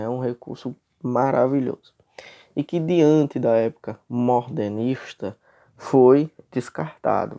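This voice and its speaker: A man with a Brazilian accent teaching a high school class, explaining step by step and often checking in with his students. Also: creaky, dark tone. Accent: Brazilian Portuguese. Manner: explanatory, checks in with frequent tags. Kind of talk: classroom lecture.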